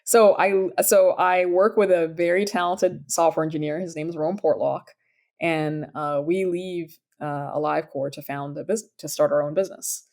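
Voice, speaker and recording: Woman from sudan in her 30s, low voice, upbeat and chatty, lots of ums. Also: steady tone, moderate pace, a little mellow. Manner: upbeat, enthusiastic, frequent fillers. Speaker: startup founder, guest. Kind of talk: conversational interview answers.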